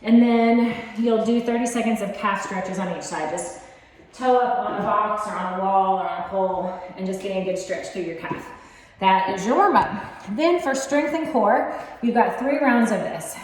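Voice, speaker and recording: A woman's voice: on the high side, slight background noise. A woman fitness coach explaining exercises step by step in a casual, encouraging way, recorded in an echoey basement gym. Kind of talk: instructional workout demonstration.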